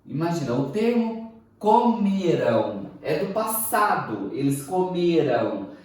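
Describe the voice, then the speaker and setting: A man teaching a recorded class, speaking slowly and deliberately, spelling out words syllable by syllable and often checking "ok?". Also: a little high, sing-song, a little mellow. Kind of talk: recorded online class lecture. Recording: echoey room, mic far off.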